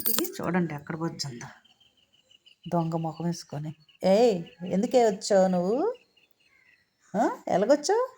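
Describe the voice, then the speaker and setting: A woman's voice: fairly low pitch, moderate pace, pauses often. A woman filming a casual home vlog indoors, alternately scolding and fondly coaxing her pet dog. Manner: scolding then doting, lively. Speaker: pet vlogger.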